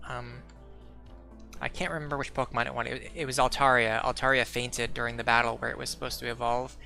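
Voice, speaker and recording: Streaming a game, a young man speaks fairly quickly in a bright, forceful, mid-pitched voice with vocal fry and a steady tone. He rambles casually with many "like" fillers, restarts, and self-corrections, hiccuping all the while as faint music plays behind him.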